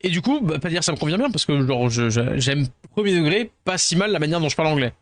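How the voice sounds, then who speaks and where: A rambling, self-deprecating streamer from France who sounds tired. He chats casually with his viewers and slips English words into his talk. His voice sits fairly high, and the sound is dry and close. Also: big pitch swings, quick pace, no room sound.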